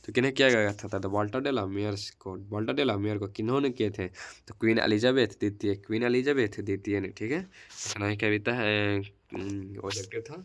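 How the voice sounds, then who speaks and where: Brisk and steady in tone, with a lowish voice, this young man teaches at a coaching center. He covers an English poem in Hindi, blending in English words and repeatedly chanting key terms to drill exam answers.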